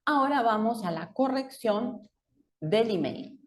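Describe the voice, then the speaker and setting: A woman teaching an online Spanish lesson, explaining slowly and carefully for learners. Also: on the high side, animated.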